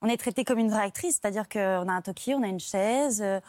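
Speaking quickly in a mid-range voice, a woman from France who works as an actress and stand-in shares lively anecdotes on a talk show, packing them with fillers. The sound is clean studio audio with no room sound.

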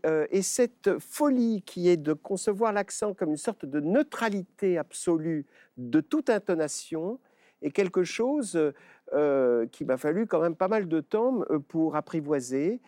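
Man, fairly high voice, reflective author guest, halting, dry close sound. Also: a little mellow, no room sound. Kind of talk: TV talk show conversation. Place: TV studio.

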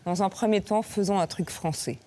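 A woman on a TV talk show set, playing the comic columnist with a mock-serious pitch that keeps tipping into jokes. Her voice sits at an ordinary middle pitch. She keeps slipping into snatches of song and silly sounds. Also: fairly quick, warm tone, a little hiss or hum. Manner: playful, bursts into sung lines and silly voices. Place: TV studio.

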